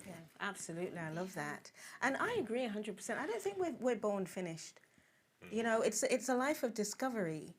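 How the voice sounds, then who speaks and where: A woman speaking on an online panel over a video call, at a medium pitch for a woman. She talks in an upbeat, animated way and encourages the listener. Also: a little fast, slight background noise.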